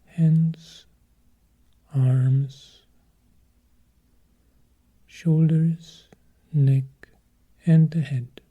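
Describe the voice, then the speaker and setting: Over phone-quality sound, a man with a slightly high, soft, breathy, husky voice guides a meditation. He speaks calmly in short, measured phrases, leaving long pauses between them.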